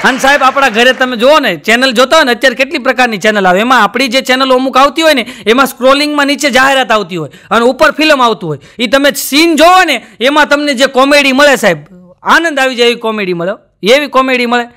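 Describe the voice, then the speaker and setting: A stand-up comedian with a Gujarati accent rattles through his jokes in a very high, bright voice. He chats with the audience, calling them "sir" again and again. A faint crowd can be heard behind him. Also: fast. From Gujarat, India. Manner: chatty, keeps addressing the audience as "sir". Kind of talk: stand-up joke telling.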